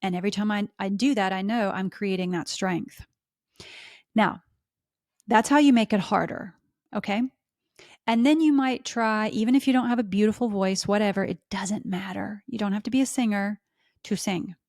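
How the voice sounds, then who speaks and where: A middle-aged woman hosting a podcast, talking smoothly and melodically as she coaches listeners through exercises. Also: mid-range voice, moderate pace, darkish tone, no room sound, clean studio sound. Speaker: podcast host. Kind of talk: instructional podcast talk.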